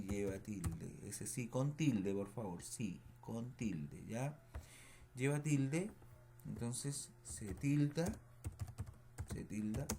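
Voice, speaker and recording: A male teacher records feedback for a remote class at an unhurried pace, in a voice of middle pitch. He repeats key words and pauses to check that students follow. Faint noise and keyboard clicks sit behind him. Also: mellow. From Chile.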